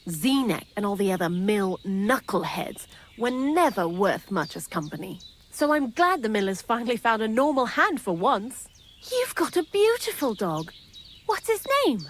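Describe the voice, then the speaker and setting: A woman's voice: fairly high pitch, sing-song, normal speed. A chatty, wry female thief. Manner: talkative, sardonic, gossipy. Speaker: miller's thief accomplice in a game. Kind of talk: video game dialogue.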